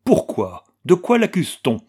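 A man's voice: lively intonation, normal speed, a little mellow, breathy edge. A man voicing a proud, fierce young woman with commanding outbursts in an audiobook reading. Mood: indignant. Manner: high-strung, commanding outbursts.

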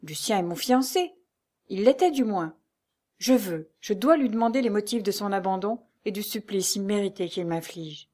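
A woman's voice: mid-range voice, expressive, moderate pace, dark tone, lightly acted. Woman reading as an anxious young fiancée. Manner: pleading, growing indignant.

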